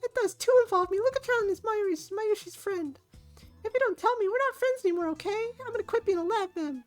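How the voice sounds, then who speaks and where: A woman's voice: very high-pitched, a little fast, faint music behind, voice pushed up. A woman voicing a sweet, airheaded teenage girl in a read-through of a visual novel, with a childlike, sing-song manner. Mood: upset pleading.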